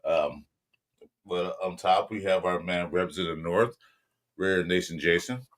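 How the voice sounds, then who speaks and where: A man with a Southern California accent hosting a casual sports podcast, rambling loosely with lots of ums and shout-outs to viewers. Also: low-pitched, measured pace. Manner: loose, rambling delivery with many ums, greets viewers mid-talk. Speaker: podcast host.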